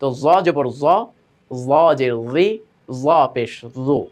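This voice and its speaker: A man teaching Quran reading, slowly drilling syllables and explaining where the tongue should touch. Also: medium pitch, a little mellow. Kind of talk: step-by-step pronunciation lesson.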